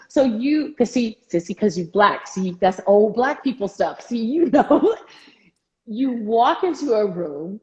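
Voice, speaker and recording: A woman's voice: mid-range voice, darkish tone, echoey room, rough recording. A woman co-hosting a casual chat, talking emphatically and acting out the people she quotes. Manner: emphatic, opinionated, acts out quoted voices. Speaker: co-host.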